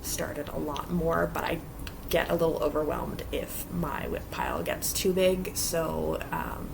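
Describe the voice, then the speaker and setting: Talking through her cross-stitch work in a basement craft corner at home, this woman is chatty and rambling, full of fillers. Her animated voice sits low with vocal fry, comes at a measured pace, and sounds slightly stuffy from allergies over some background noise.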